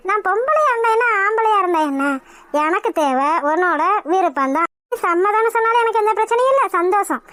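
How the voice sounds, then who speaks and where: A woman's voice: extremely high pitch, animated, brisk, a bit bright, dry recording, studio quality. A woman voicing a scheming, cruel middle-aged mother-in-law in a cartoon, mocking and coolly threatening. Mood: menacing. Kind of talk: Tamil cartoon voice acting.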